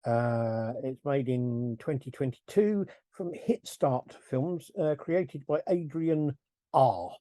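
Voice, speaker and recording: A man's voice: mid-range voice, slow, mellow, dry recording. A middle-aged man hosting a casual film review podcast, rambling, chuckling and correcting himself as he goes. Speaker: podcast host.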